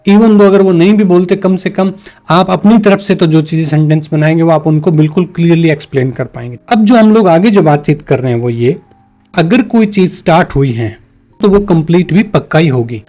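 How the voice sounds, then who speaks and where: Male English teacher, slightly high voice, patient and repetitive, classroom explainer. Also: mellow, faint music behind. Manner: patient, repeats examples slowly, switches between two languages.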